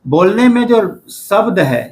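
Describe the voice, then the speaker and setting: A middle-aged coaching teacher lectures his class in a conversational style, speaking straight to students and often checking they follow, with a frequent "ठीक है ना". His voice is high, sing-song and a little mellow, and he takes it slowly.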